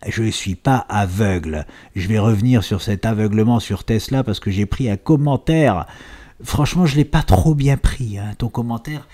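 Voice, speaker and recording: A man's voice: fairly low pitch, moderate pace, dark tone. Chatty man talking through market charts. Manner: chatty, self-interrupting, playful asides. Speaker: stock market analysis youtuber. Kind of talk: casual market commentary over charts.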